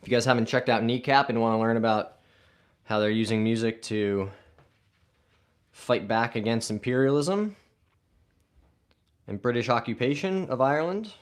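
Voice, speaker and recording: A man's voice: mid-range voice, moderate pace, long pauses. A man hosting a golf live stream, casually reading viewer comments aloud and answering them in an upbeat way.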